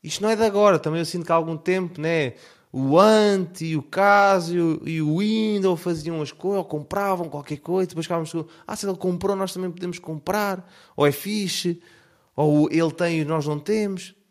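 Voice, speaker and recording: A young man with a European Portuguese accent, ranting in a casual, animated vlog monologue full of filler words. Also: sits high, normal speed. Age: young adult. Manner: animated, heavy use of fillers like "pá". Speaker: vlogger.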